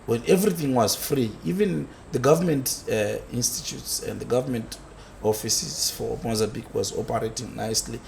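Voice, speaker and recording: A man from South Africa, a construction business founder, telling his life story as an interview guest, haltingly, with many fillers and repeated words. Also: mid-range voice, vocal fry, a little mellow, a little hiss or hum.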